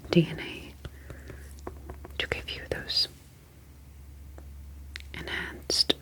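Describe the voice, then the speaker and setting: Over poor-quality audio, a woman whispers breathily as a cool, clinical alien scientist from the ocean in an ASMR sci-fi roleplay. Her phrasing stays formal and measured, and the mood is soothing yet clinical.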